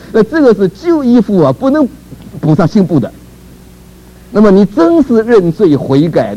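A man's voice: fairly high pitch, warm tone, highs cut off, a little hiss or hum. A man preaching a sermon in a conversational way, asking rhetorical questions, chuckling and repeating words.

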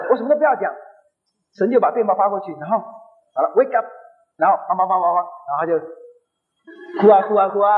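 Lively high-pitched man telling a story. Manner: storytelling, animated, laughs often. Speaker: speaker sharing faith experience. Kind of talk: personal testimony. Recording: slightly dull lo-fi recording.

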